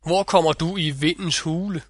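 A man's voice: fairly high pitch, steady tone, no echo, studio quality, lightly acted. A man voicing the boastful male North Wind in a fairy-tale audiobook reading. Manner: boastful, vivid storytelling.

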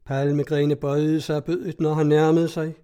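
A male narrator reading a story aloud in a measured, formal way. His voice sits a little high, with a mellow, soft tone. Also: little pitch movement. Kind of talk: audiobook narration.

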